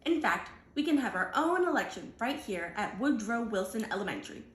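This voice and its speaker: Female storybook schoolteacher, put on by a woman reader: encouraging, orderly, explanatory, very varied pitch, roomy echo. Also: sing-song, a little fast, fairly bright tone.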